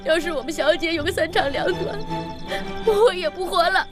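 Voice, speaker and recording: A woman's voice: extremely high pitch, normal speed, over music. An actress playing a devoted young maid who pleads tearfully for her mistress. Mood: pleading.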